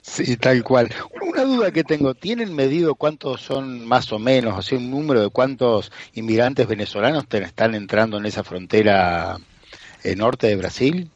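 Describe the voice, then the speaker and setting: A man's voice: medium pitch, lively intonation, normal speed, no echo. Male radio co-host, casual and curious, dull lo-fi mic sound. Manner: casual, asking questions. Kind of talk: radio interview question.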